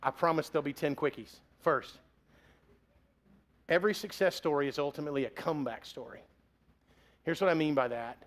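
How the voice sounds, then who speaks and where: A man's voice: fairly high pitch, a little fast, pauses often. A man in his forties preaching a sermon as pastor, in a conversational, joking way.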